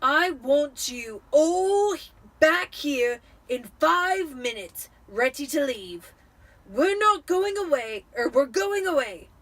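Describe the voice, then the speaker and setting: A woman voicing an irate, blustering middle-aged uncle in a storybook, with loud, drawn-out, emphatic delivery. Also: high voice, lively intonation, voice pushed up, exaggerated voice. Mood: furious, barking.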